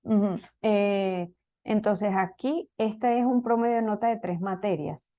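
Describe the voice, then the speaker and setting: In an online class lecture, a woman with a medium-pitched voice teaches programming a little slowly, and the recording has its highs cut off. She goes through the code step by step, with many fillers and restarts, frequently checking in with "¿ok?".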